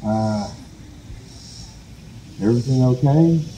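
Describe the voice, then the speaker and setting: A man voicing a sly male rabbit trickster in a told folk tale, breezy and smooth-talking. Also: medium pitch, slow, warm tone, roomy sound, slight background noise, natural voice, low-quality recording. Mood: scheming.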